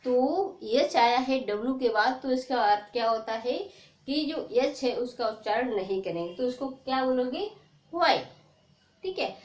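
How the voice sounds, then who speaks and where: High-voiced woman teaching in an echoey room. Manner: repetitive, quizzing questions, slow stressed examples. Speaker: English teacher. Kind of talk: board lesson explaining pronunciation rules.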